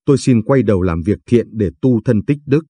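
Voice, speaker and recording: A man's voice: fairly low pitch, animated, brisk, mellow, slightly rough, dry recording. A man voicing a frightened, guilt-ridden man in his forties who begs for mercy. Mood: pleading. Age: 40s. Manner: pleading.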